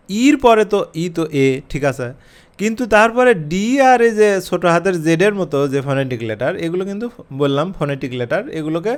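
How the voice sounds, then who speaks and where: A man explaining English pronunciation as a teacher, his pitch rising and falling a lot as he speaks. His voice sits a little high for a man. He asks rhetorical questions and slows right down to spell words letter by letter. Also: clean tone. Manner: lively, questioning, drawing out letters slowly to spell. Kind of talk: explaining a lesson to camera.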